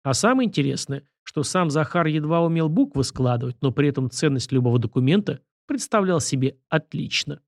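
A man narrating an audiobook in an even storytelling manner. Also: on the high side, fairly quick, hardly any pauses, dry recording, clean studio sound. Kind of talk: scripted narration.

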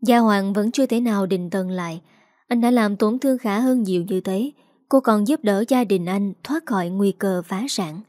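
A woman reading scripted story narration in an even storytelling manner. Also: mid-range voice, moderate pace, no room sound, studio quality.

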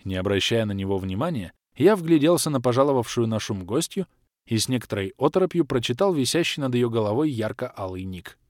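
Male audiobook narrator, expressive, mid-pitched, dry close sound. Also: a little fast, no echo. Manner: lively, emotive storytelling.

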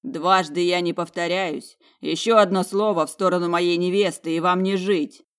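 A woman voicing a cold, menacing young male mage in an audiobook, speaking slowly and threateningly. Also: fairly low pitch, steady tone, clear, resonant tone, close to an everyday voice.

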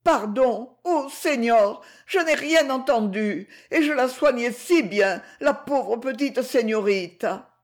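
A man's voice: extremely high pitch, animated, slow pace, voice pushed up, exaggerated voice. A man voicing a frightened female nurse who stammers out a plea for forgiveness. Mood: pleading. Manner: stammering, begging.

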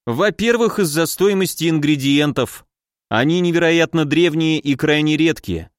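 A man voicing a careful sixteen-year-old boy who speaks in a measured, politely calm way. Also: on the high side, dry recording, clean studio sound, pitched above the performer's own voice, natural voice.

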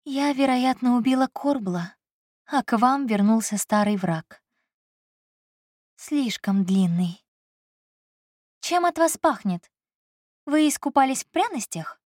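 A woman's voice: on the high side, expressive, slow, pauses often, darkish tone, no room sound, clean studio sound, pitched above the performer's own voice. Woman voicing Elsa, a raised, anxious young woman. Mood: weary. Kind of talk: audiobook character voice.

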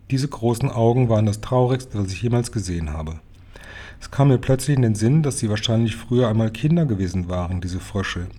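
A man reading a children's storybook aloud with steady, plain narration. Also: lowish voice, slightly rough. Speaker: reader.

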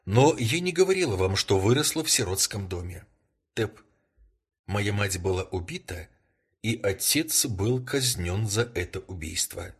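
A man reading an audiobook, voicing a calm young woman as she confesses in a quiet, earnest way. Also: lowish voice, unhurried, breathy edge, full character voice.

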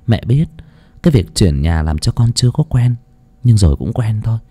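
A man's voice: lowish voice, very animated, moderate pace, mellow, husky. A man doing a caring middle-aged mother. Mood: gentle. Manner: tender advice, then urgent calling.

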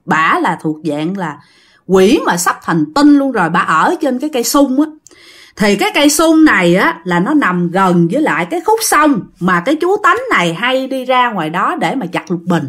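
Lively Southern Vietnamese woman storyteller. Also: medium pitch, moderate pace. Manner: animated, talks straight to listeners. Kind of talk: casual ghost-story telling.

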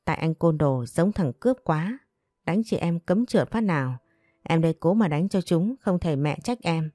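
A woman voicing a cheeky, defiant young man, in a low, dark voice. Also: expressive, moderate pace, dry recording, clean studio sound.

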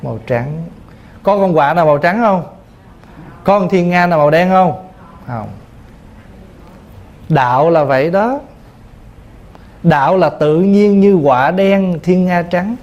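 A man's voice: high voice, measured pace, pauses often, a little mellow, highs cut off. A male Buddhist monk teacher giving a dharma talk, explaining patiently through simple everyday examples. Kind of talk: dharma talk answering questions.

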